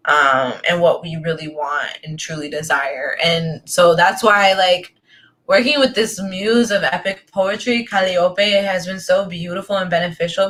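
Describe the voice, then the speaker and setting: A soft-spoken woman with a lowish voice, either a guest or host in spiritual coaching, gives a reflective personal talk. She rambles thoughtfully, leaning heavily on fillers like "like" and "you know."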